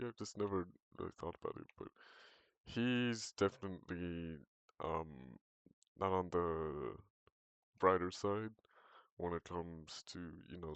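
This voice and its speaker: A teenage boy with a very deep voice, chatting casually while gaming, rambling and hesitant with frequent restarts. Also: clean tone, dry recording. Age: teens. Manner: rambling, hesitant, self-correcting. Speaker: gaming vlogger.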